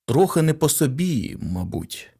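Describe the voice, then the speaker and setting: A male professor, voiced by a man speaks in a husky, careful voice. He weighs each word slowly and quietly in this storybook reading. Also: fairly high pitch, very animated, voice pushed up, full character voice. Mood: cautious. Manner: slow, cautious. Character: cautious husky male professor, newly awakened.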